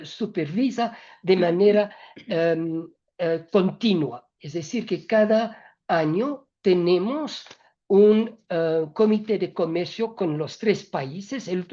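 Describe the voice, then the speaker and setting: A woman of medium pitch and dark tone, whose first language is not Spanish, speaks slowly and hesitantly as an EU trade representative on a business panel. She halts often, with many filler sounds, restarts and non-native grammar slips as she discusses trade policy. The recording is muffled.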